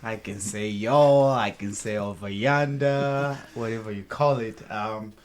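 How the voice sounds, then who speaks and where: A Zimbabwean man in his thirties, with a Zimbabwean accent, appears as a sales team guest on a casual podcast interview. He's earnest and grateful, joking at times, and speaks in a lowish voice, a little slowly.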